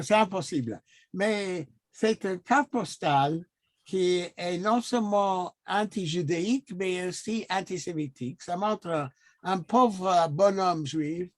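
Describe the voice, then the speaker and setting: A man who is not a native French speaker, speaking French with a foreign accent in an unscripted discussion, haltingly searching for words. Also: sits high, dry recording. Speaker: guest commenter in a discussion.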